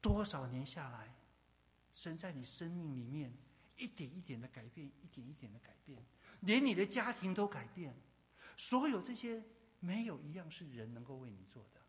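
A male pastor preaching a sermon with emphatic repetition, swinging from loud to hushed. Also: a little high, big pitch swings, normal speed, in a large hall.

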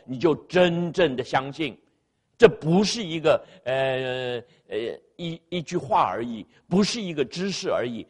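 A pastor preaches a sermon into an amplified microphone in a church sanctuary with a sound system, repeating key phrases for emphasis and calling on the congregation to answer aloud. His mid-range voice carries a breathy edge.

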